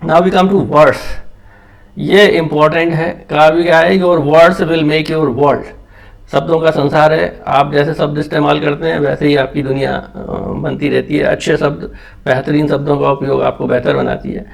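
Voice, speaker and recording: A man's voice: fairly high pitch, vocal fry. A man teaching English pronunciation basics, explaining patiently step by step in a mix of Hindi and English.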